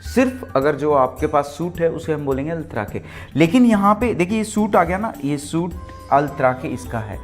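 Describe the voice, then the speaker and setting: Male language teacher, casual classroom delivery, stretches out each vocab word and spells it aloud, faint music underneath. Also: high-pitched. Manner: slow, drawn-out repetition of foreign words; spells words out letter by letter. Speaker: Spanish teacher. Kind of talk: beginner language lesson at a whiteboard.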